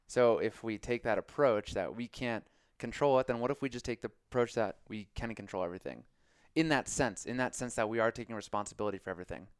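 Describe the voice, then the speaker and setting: A man co-hosting a podcast, chatting casually and telling stories with lively shifts of voice. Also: fast talker, hardly any pauses, clear, resonant tone, no room sound, studio quality. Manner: animated storyteller, jumps into high voices for quotes. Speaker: podcast co-host; coach.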